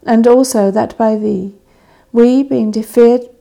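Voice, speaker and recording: A woman leading a church service, reading scripture and prayers in a measured, solemn intoning manner. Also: a little high, fairly even intonation, creaky, warm tone. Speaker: service officiant. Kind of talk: liturgical reading of evening prayer.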